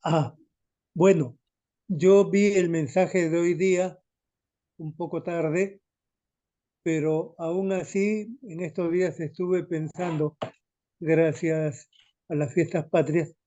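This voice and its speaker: A man speaking as a student in an online class. He explains his essay topic slowly and hesitantly, often pausing to search for words. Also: fairly high pitch, steady tone, mellow, muffled recording.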